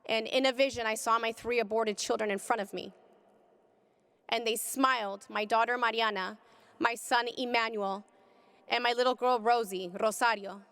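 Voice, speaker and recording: Woman telling her testimony, fairly high voice, really impassioned, voice climbs up when it gets intense. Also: fairly even intonation, normal speed, fairly bright tone, smooth, big-room sound. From California. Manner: impassioned, rising to cries in high moments. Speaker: pro-life speaker. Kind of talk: emotional testimony talk.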